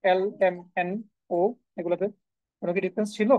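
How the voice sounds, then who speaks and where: A woman's voice: lowish voice, fairly even intonation, fairly quick, dark tone, dry recording, low-quality recording. A woman teaching a live online class, repeating each sound several times and answering her own questions. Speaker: German language teacher. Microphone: video call.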